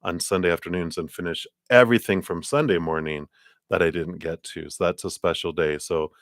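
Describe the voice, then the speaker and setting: On a casual livestream, a man reads tarot cards and chats in a rambling way, laughing frequently with a tickle in his throat. He has a low, steady voice and speaks a little fast, recorded with clean studio sound and no room noise.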